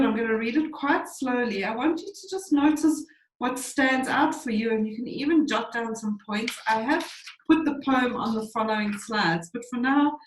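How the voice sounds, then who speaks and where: A woman's voice: fairly high pitch, roomy sound, poor audio. A woman presenting a spiritual teaching webinar in a reflective way, repeating phrases for emphasis.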